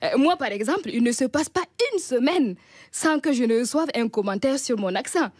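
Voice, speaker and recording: A woman's voice: sits high, lively intonation, fairly quick, darkish tone, no echo, studio quality. A woman with a Burkinabè accent reading a humorous radio column in a wry, teasing way, chuckling often. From Burkina Faso.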